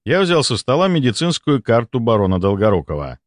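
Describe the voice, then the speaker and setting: A man reading a first-person audiobook in an expressive, animated manner. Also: mid-range voice, brisk, dry recording, clean studio sound. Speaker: audiobook narrator. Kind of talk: scripted first-person narration.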